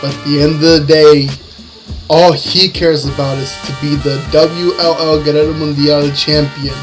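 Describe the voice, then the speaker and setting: A man's voice: a little high, level tone, moderate pace, rough recording. A man working as a lucha libre announcer, calling wrestling play-by-play in short, building phrases. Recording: music behind the commentary. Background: music.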